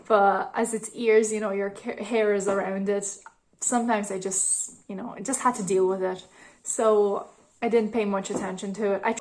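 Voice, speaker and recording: A woman's voice: mid-range voice, a little hiss or hum, poor audio. Young woman from lithuania, candid, chatty, lots of fillers, casual home vlog. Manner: chatty and candid, many fillers like "you know" and "like". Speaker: vlogger. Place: home, a cat nearby.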